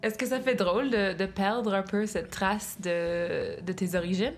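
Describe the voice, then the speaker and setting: A woman's voice: medium pitch, steady tone, measured pace. Young woman narrating over faint music. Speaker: interviewer and narrator. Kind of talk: interview questions and scripted narration.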